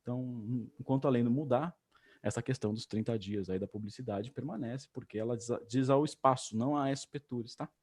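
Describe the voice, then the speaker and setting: A man's voice: medium pitch, fairly quick, a little mellow, slightly rough. A man, an official giving hesitant remarks full of fillers at a public hearing over a video call. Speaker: tourism agency official.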